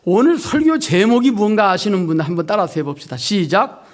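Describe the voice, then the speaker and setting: A male pastor delivers an evening revival sermon in a church sanctuary, joking in a folksy manner, drawing out his words, and putting questions to the congregation. His high-pitched voice swings widely in pitch and runs a little fast.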